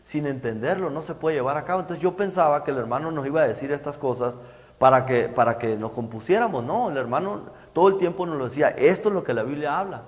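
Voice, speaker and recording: A middle-aged man preaching a sermon, halting and repeating words as he goes. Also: fairly high pitch. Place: church hall. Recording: echoey church hall.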